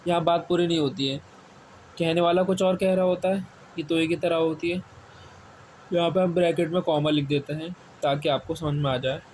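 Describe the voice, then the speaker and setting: Male tutor, fairly high voice, patient classroom lecture, repeats each point, faint hiss behind. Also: fairly even intonation, a little mellow. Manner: asks questions and answers them himself, repeats key words slowly. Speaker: Quran reading teacher. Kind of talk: step-by-step classroom explanation. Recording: faint background noise.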